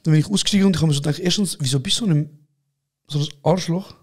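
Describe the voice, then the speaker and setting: A young man with a Swiss German accent, co-hosting a podcast and retelling a quarrel in animated casual chat, acting out both sides. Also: fairly high pitch, racing. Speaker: podcast co-host.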